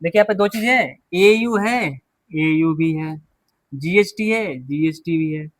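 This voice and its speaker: Male teacher, slightly high voice, dry close sound, drills each word and repeats it. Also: no room sound. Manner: slow, repeats words and asks students to repeat; drills words one by one, quizzing the class. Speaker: English teacher. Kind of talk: classroom pronunciation lesson.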